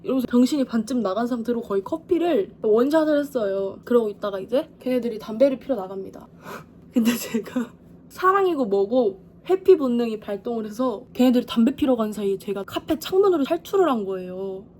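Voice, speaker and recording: Animated young woman telling a story. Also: fairly high pitch, fairly quick, a little hiss or hum. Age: 20s. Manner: animated, acts out quotes with shouts and whispers. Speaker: vlogger. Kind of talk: casual storytelling.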